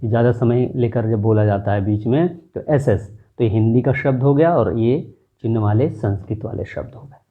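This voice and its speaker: A man teaching a lesson, slowly explaining and drawing out vowel sounds as he demonstrates them. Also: medium pitch. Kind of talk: classroom lesson. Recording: tinny phone-like audio.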